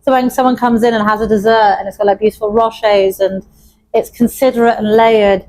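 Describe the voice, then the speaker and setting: A woman's voice: a little high, fairly even intonation, brisk, darkish tone, low-quality recording. A young adult woman from Wales, a chef and pub owner, talking in an interview with enthusiasm and frequent laughter. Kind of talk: interview conversation.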